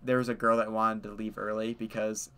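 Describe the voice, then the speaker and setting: A young man chats loosely on a stream, with a bright and crisp voice. He rambles through his stories with many fillers and breaks into laughter often. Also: on the low side, little pitch movement, a little fast. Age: young adult. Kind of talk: casual chat while gaming.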